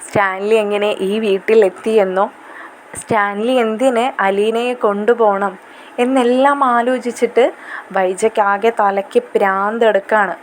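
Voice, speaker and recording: A woman's voice: medium pitch, fairly even intonation, unhurried, a little hiss or hum. A woman narrating a retelling of a TV serial episode, with occasional asides to the listener. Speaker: storyteller.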